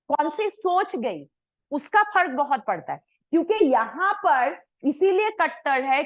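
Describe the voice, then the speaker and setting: A woman's voice: high voice, fairly bright tone, rough recording. A woman teacher giving an online coaching lecture, explaining in a conversational way and mixing English words into her talk. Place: coaching class.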